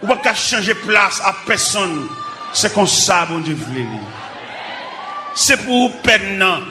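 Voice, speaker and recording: A Haitian man preaches with fervor, shouting his sermon in short, punchy bursts. His voice sits high and he takes his time. He is recorded in a roomy, echoing church with the congregation and steady noise behind him. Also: slow pace.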